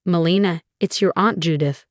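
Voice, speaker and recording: A woman's voice: fairly low pitch, normal speed, dry recording, studio quality, natural voice. A woman voicing an aunt breaking terrible news in a shaky, choked way in a story. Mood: grieving.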